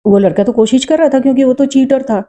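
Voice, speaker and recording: A woman, a mother, earnestly recounting something she witnessed in a casual, reflective way, pausing often with fillers. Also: high voice. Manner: says she talks loud and forcefully. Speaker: storyteller vlogger. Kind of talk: casual spoken storytelling.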